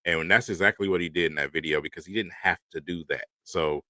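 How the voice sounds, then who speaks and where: Deep, forceful male sports panelist. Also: fast, no room sound. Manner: emphatic, repeats points for stress. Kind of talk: casual sports roundtable chat.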